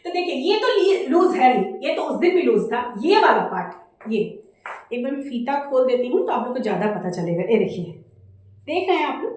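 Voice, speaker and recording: A high-pitched woman in her thirties with a Jharkhand Hindi accent, chatting loud and fast to the camera in a casual home vlog. No separate mic, only the camera's own, so her voice carries an echoey room around it. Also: very animated. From India. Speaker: vlogger. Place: indoors at home. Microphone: camera mic without a separate microphone.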